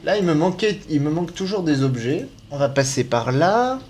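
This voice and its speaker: Animated, higher-voiced male gamer. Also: normal speed, a little hiss or hum. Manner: playful, exclaiming and muttering to himself. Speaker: video game player commentating. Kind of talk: casual let's-play commentary.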